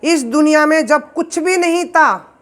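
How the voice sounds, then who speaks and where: A man telling a devotional scripture story, slow, emotive and preachy. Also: very high voice, a bit bright. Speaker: religious storyteller.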